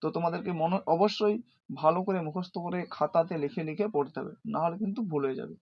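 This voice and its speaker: A male teacher giving a recorded lesson, explaining slowly, asking and answering his own questions, and reciting word forms one by one with careful pronunciation. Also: fairly high pitch. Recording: dull lo-fi recording.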